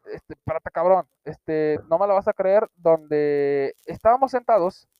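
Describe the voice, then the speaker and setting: A man's voice: on the high side, measured pace, smooth, no room sound. A young Mexican man with a Mexican accent, telling a funny story in slangy casual chat, acting out quotes with sudden shrieks. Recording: dry, dull lo-fi sound.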